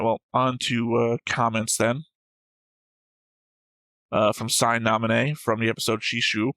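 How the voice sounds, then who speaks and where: A man with a medium-pitched, somewhat bright voice co-hosts an anime reaction show, recorded with no room sound. He reads and discusses comments casually and analytically, with some arguing and offhand swearing.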